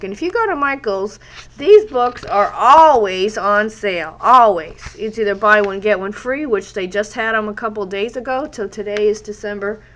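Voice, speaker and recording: A woman's voice: medium pitch, a bit bright, a little hiss or hum. A woman with a congested cold voice, chatting casually and rambling as a fitness teacher while she draws in her journal. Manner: rambling, chatty, wanders off topic. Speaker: fitness instructor and journaling vlogger. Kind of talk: casual chat while drawing.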